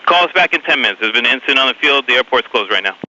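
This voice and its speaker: An air traffic ground controller, a man giving clipped, hurried and apologetic instructions to pilots, heard over aviation radio with static bursts. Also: mid-range voice, lively intonation, sharp tone. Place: airport control tower. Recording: muffled radio transmission with faint hiss.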